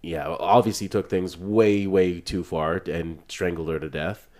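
A man with a very deep, low voice co-hosts a casual podcast. He speaks bluntly and matter-of-factly, dropping short remarks into the chat. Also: fairly even intonation, a little slow, darkish tone. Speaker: podcast co-host.

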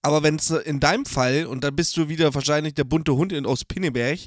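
Joking man, slightly higher voice. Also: brisk, no echo, clean studio sound. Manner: teasing, joking interjections. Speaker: podcast co-host. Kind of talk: casual chat.

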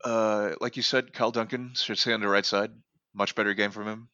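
A man's voice: lowish voice, little pitch movement, brisk, pushed and bright, no echo, dull audio. A man co-hosting a casual sports podcast, talking in a rambling way with lots of fillers and restarts. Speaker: podcast co-host. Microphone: home podcast microphone.

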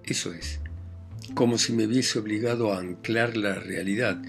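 A man reading a novel aloud in a grave, measured first-person narration with an Argentine Spanish accent. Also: lowish voice, fairly even intonation, gravelly, soft background music. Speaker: audiobook narrator. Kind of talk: scripted literary narration.

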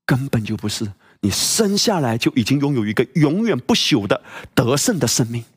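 A man's voice: medium pitch, sing-song, normal speed, breathy edge. A male pastor preaching a sermon, emphatic and full of rhetorical questions and exclamations.

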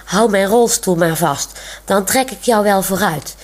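A woman reading her story voices a young man in a wheelchair, proud and cheerful, grinning through his words. The pace stays slow and unhurried, in a middle voice, like a storybook read aloud. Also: mid-range voice, close to an everyday voice.

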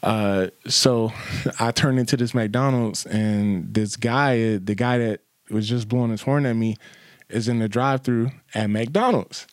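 A man's voice: mid-range voice, fairly even intonation, a little slow, no echo, studio quality. A young man chatting casually, telling a story with lots of fillers and acted-out quotes. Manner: rambling, many fillers, acts out quotes. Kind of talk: casual chat.

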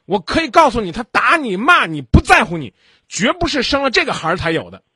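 A man's voice: very high-pitched, huge pitch swings, a little fast, bright, forceful tone, breathy edge, no echo, clean studio sound. A male radio advice host who lectures callers bluntly and scolds them sternly. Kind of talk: late-night radio advice talk. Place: radio studio. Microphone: studio microphone.

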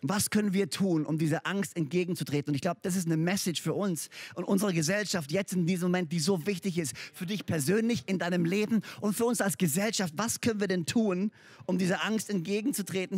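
A man preaching a sermon as a pastor, lively and emphatic, talking straight to his listeners in a conversational way with English words mixed in. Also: high-pitched, slightly rough, dry recording. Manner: conversational, speaks directly to listeners.

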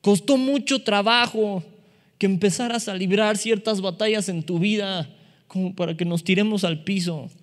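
A man preaching a sermon as pastor, animated and acting out dialogue in shifting voices. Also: sits high, moderate pace. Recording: long reverb of a hall.

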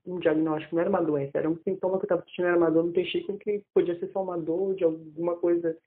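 A man in his twenties telling a personal story in casual conversation, animated and often restarting his sentences. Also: high voice, very fast. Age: 20s. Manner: animated, acts out quoted dialogue, many restarts. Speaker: interviewee. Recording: tinny phone-like audio.

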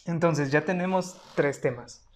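A young woman with a Mexican accent and a distinctly low voice co-hosts a podcast. She chats off the cuff, using lots of slang and some swearing. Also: measured pace, background noise. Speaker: podcast co-host. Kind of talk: casual unscripted chat.

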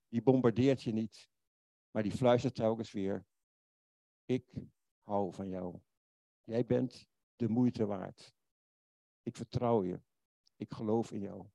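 A man preaching a sermon, earnest and pleading, slowing and softening his voice for the quoted words of God. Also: mid-range voice, dry recording.

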